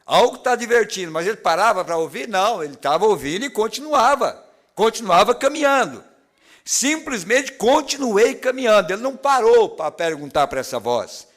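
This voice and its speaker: A man with a Brazilian Portuguese accent, preaching a sermon in a church, who moves between loud preaching and hushed, low retelling. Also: very animated, fairly quick. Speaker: pastor. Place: church tabernacle.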